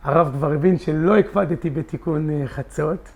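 Impassioned high-voiced middle-aged man. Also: darkish tone. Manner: impassioned, reenacts his own pleading in dialogue. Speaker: storyteller sharing a personal testimony. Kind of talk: emotional first-person storytelling.

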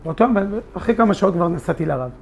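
A man's voice: high voice, animated, vocal fry, slight background noise. A middle-aged man telling a personal testimony with passion, acting out his own pleading in dialogue. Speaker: storyteller sharing a personal testimony. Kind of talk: emotional first-person storytelling.

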